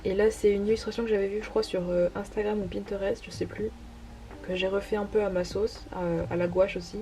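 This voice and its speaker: Young female vlogger, mellow warm tone, halting casual delivery; faint music behind. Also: mid-range voice, steady tone. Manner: hesitant, many fillers, self-deprecating laughs. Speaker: artist vlogger showing her sketchbook. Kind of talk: casual narrated walkthrough.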